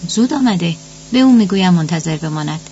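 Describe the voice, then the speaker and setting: A woman's voice: on the low side, expressive, warm tone, slight background noise, lightly acted. Woman reading as a firm, commanding husband. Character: forceful husband, commanding man. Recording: dull lo-fi audio.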